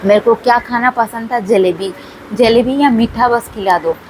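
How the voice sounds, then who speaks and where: A woman's voice: fairly high pitch, normal speed, a little mellow, low-quality recording. A young woman vlogger telling her own story in a casual, chatty way, repeating herself often. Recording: faint background noise.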